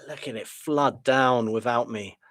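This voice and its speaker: A man's voice: mid-range voice, takes it slowly, fairly bright tone. A man giving live trading commentary to his viewers in a frustrated, self-deprecating way, sighing as he muses. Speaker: day trader streaming live.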